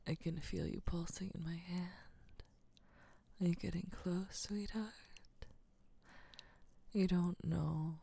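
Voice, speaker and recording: A woman playing a doting female caretaker who talks in a soft, hushing whisper. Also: on the low side, fairly even intonation, slow, creaky, pauses often, breathy edge, full character voice. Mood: tender, hushing. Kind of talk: intimate audio roleplay.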